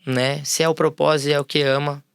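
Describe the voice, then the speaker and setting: Smooth-voiced man telling stories in an interview. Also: on the high side, fairly quick, no room sound, studio quality. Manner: relaxed, with many fillers like "né". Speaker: music therapist and music school founder, podcast guest. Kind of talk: casual interview storytelling.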